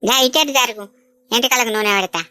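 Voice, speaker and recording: A woman voicing a fussy, doting old village grandmother in an animated comedy, coaxing and full of endearments. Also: medium pitch, fairly quick, dry recording, lightly acted. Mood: fussing. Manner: coaxing, clucks endearments over and over.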